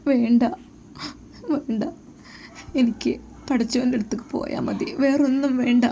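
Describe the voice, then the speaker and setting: A heartbroken young widow begs to be left alone, as a woman storyteller puts her on. Her voice sits high and soft, quiet and tearful, with a mellow, unforced tone. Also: fairly even intonation, a little slow, creaky, slight background noise. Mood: pleading. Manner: pleading, broken.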